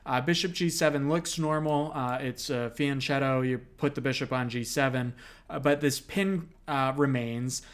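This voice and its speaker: A man's voice: medium pitch, fairly even intonation, normal speed. A man co-hosting a chess roundup, explaining moves in a casual, analytical way with frequent "uh" and "um" fillers. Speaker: chess commentator.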